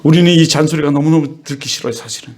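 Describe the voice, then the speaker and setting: High-voiced animated male preacher. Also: quick pace. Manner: lively preaching, acts out children and parents. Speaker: pastor. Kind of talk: sermon.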